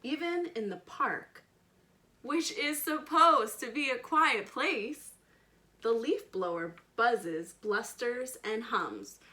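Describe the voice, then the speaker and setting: A fairly high, expressive, sharp-toned woman reads slowly from a children's picture book. Addressing the young audience directly, this storytime educator emphasizes important words and breaks off for friendly asides and simple questions.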